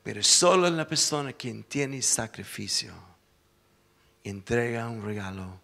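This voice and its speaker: A man's voice: medium pitch, a little slow, vocal fry, in a large hall. A male pastor telling a story in a church sermon, acting out the voices as he goes. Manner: lively storytelling, acts out the voices. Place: church sanctuary.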